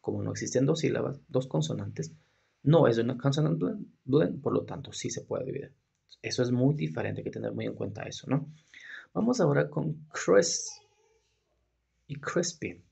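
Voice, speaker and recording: A man walks through a grammar lesson, posing rhetorical questions and checking in with his students as he goes. His voice is very husky and heavily gravelly, sitting at a middle pitch. He is a native Spanish speaker teaching English. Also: lively intonation, moderate pace, a little mellow, highs cut off.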